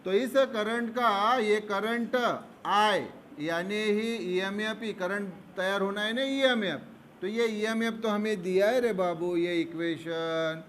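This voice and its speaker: A male physics teacher with a high, slightly bright voice works through a problem at the board, speaking slowly and patiently. He addresses his students fondly and answers his own questions, with faint background noise in the recording.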